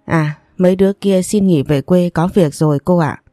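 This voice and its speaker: A woman voicing an elderly, kind family nanny who is flustered and hurried. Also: lowish voice, dark tone, no room sound, clean studio sound, soft background music, close to an everyday voice.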